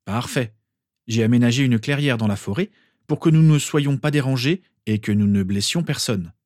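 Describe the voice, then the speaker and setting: A man's voice: medium pitch, moderate pace, a little mellow, no room sound, studio quality, close to an everyday voice. A man doing an amused, protective father. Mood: fatherly.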